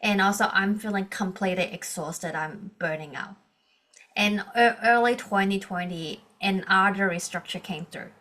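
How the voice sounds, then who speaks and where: Over a rough-sounding video call, a thirtysomething leadership coach from Hong Kong tells her own story earnestly as a podcast guest, speaking English with a Hong Kong accent, Cantonese being her native tongue. Her medium-pitched voice is pushed and bright at a moderate pace, with frequent restarts.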